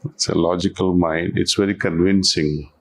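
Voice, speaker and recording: A man speaking as a spiritual teacher in a calm, reflective conversation, talking in a slow, measured way. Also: deep voice, gravelly.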